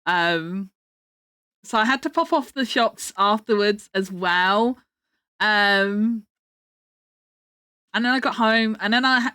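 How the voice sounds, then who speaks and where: A woman's voice: mid-range voice, bright, forceful tone, dry recording, clean studio sound. A British woman chatting casually on a livestream in a cute, playful, rambling way. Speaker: livestream host.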